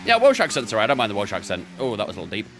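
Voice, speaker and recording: A man's voice: lowish voice, wildly swooping pitch, rapid-fire, over music. A young man streaming a racing game from his bedroom, chatting with viewers between laps. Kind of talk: casual live-stream chat while racing.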